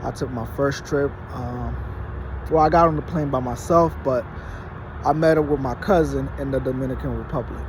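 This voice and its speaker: Outdoors in a parking lot at night, a Haitian-born vlogger in his late twenties talks casually to his phone, propped against a wall, with many fillers and restarts. His mid-range voice has fairly even intonation at normal speed. Traffic and car sounds fill the noisy phone recording.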